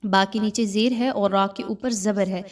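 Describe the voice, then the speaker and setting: A woman teaching a Quran recitation lesson, patiently explaining each letter's rules and reciting phrases slowly. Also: medium pitch, steady tone. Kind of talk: tajweed lesson with slow chanted recitation.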